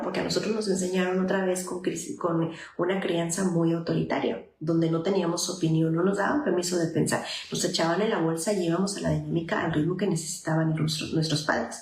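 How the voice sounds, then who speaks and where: A woman's voice: fairly low pitch, creaky, darkish tone, roomy sound. A woman with a Mexican accent, a psychologist talking earnestly and directly to parents, with many fillers. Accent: Mexican Spanish. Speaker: psychologist giving parenting advice. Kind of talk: informal advice talk to parents.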